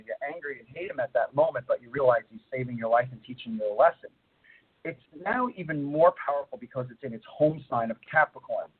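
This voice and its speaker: Middle-aged male radio co-host phoning in, husky, muffled as if through a long tube, rambling explainer. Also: a little high. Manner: rambling, unhurried explaining with many fillers. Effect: muffled distant phone line, as if talking through a long tube. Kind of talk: phone-in radio talk. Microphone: phone. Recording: tinny phone line.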